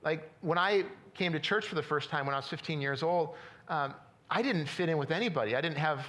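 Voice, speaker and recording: A middle-aged male pastor delivers a sermon in a loose, conversational way. He often repeats words and restarts his sentences as he talks, and his voice sits a little higher than most men's. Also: brisk, fairly bright tone.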